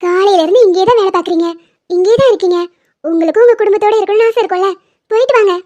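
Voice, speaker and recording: A woman voicing a cheeky, affectionate young woman in an animated series, playfully defiant. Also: extremely high pitch, very fast. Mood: gentle. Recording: dull lo-fi sound.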